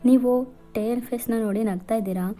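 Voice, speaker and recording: A woman narrating a second-person fan fiction audio story, calmly addressing the listener. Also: fairly high pitch, moderate pace.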